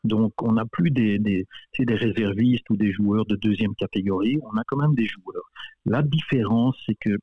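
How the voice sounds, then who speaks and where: A man's voice: fairly low pitch, moderate pace, dry recording. A man from Belgium, a guest soccer coach in a casual radio interview, talking hesitantly with many repeated words and fillers. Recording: tinny phone line.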